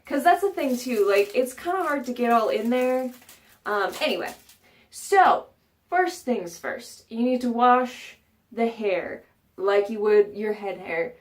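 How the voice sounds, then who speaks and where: Filming a casual how-to in her home bathroom, a woman with a highish, expressive voice talks a little slowly. She's a bit stuffed up and rambles chattily, full of fillers and self-mocking jokes.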